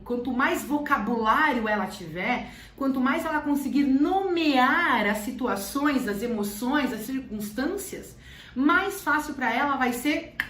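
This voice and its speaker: Brazilian woman teacher, high voice, explains by repeating herself, echoey room. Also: fairly bright tone, distant mic. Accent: Brazilian Portuguese. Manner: explanatory, repeats phrases for emphasis. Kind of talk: educational talk to parents.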